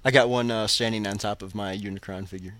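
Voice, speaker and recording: A man's voice: lowish voice, steady tone, quick pace, fairly bright tone, no echo. A man co-hosting a casual chat in a blunt, unimpressed, slangy way. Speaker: podcast co-host.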